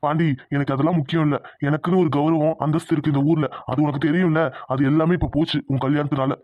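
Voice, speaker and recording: A man's voice: fairly high pitch, steady tone, fast, no echo, close to an everyday voice. A man voicing a proud, stern middle-aged village father in a cartoon, commanding in tone. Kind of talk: cartoon dubbing. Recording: dull lo-fi audio.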